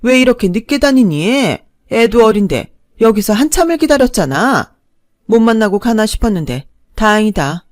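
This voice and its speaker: A woman voicing a brazen old stepmother-in-law who talks loud, whining and accusing. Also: on the high side, expressive, moderate pace, no room sound, studio quality, close to an everyday voice. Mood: demanding.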